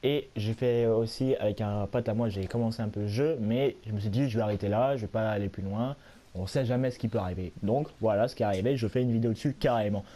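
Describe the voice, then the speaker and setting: A hoarse young man, a little sick, giving rambling, self-mocking commentary while he plays a video game at home. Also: fairly low pitch, fast talker, warm tone. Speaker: gaming YouTuber. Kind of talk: casual let's-play commentary.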